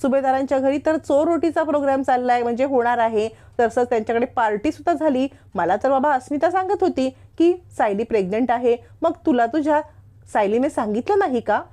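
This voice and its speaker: A woman's voice: sits high, a little fast, dark tone, close to an everyday voice. A woman voicing a scheming young woman who needles and taunts. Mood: taunting.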